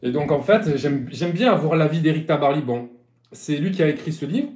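Casting: male sailing coach, Marseille accent, somewhat high voice, rambling and friendly live-stream delivery, echoey room. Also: animated, brisk, a little mellow. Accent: Marseille French. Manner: chatty, rambling, repeats and restarts. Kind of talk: casual live-stream lesson. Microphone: live-stream phone or webcam.

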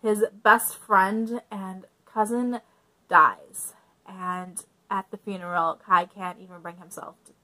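A woman's voice: mid-range voice, steady tone, takes it slowly, bright, forceful tone, poor audio. A young woman talking casually through a book review, friendly and chatty, with frequent ums and likes.

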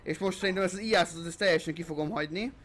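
Here a young gaming host with a high voice talks through his play, excitable and cursing as he hypes himself. During fights he raises his voice, and English gamer expressions slip into his commentary.

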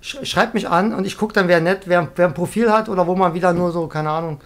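A woman live-streaming a video game, chatting excitably with viewers and often trailing off and restarting. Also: on the low side, fast talker. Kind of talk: casual live-stream chat while gaming.

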